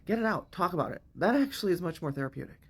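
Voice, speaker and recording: A woman's voice: lowish voice, very animated, racing, husky. A woman in her fifties from the Midwestern United States tells a personal story straight to the viewer. Her delivery is candid and emotional, and she is blunt enough to swear freely. It sounds like a casual storytime monologue. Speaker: vlogger.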